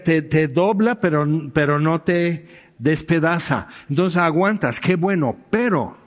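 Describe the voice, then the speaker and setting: A middle-aged man, a pastor giving a candid, conversational sermon with frequent check-in asides. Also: fairly high pitch. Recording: dull sound with long hall reverb.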